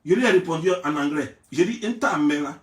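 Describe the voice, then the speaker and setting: A young man from Côte d'Ivoire with an Ivorian French accent, ranting in a theatrical, mocking gossip vlog and often raising his voice to a shout. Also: fairly high pitch, expressive, a little fast. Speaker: gossip vlogger. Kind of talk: mocking gossip rant to camera. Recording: roomy, mic at a distance.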